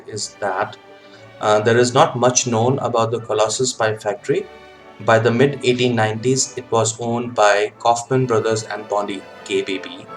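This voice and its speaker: A man talking casually to a webcam as a hobby video host, in a halting way with frequent ums and pauses. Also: on the low side. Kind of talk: casual vlog talk. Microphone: webcam setup.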